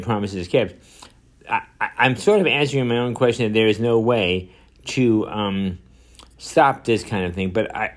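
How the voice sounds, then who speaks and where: Rambling older man, podcast host. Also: on the low side. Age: 70s. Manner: rambling, many fillers and restarts. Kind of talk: solo podcast monologue.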